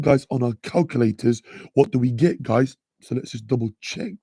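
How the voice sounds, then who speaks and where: The recording has no room sound as this maths tutor, his deep voice husky and dark in tone, runs a live revision lesson. He talks casually and fills gaps with "okay" and "guys."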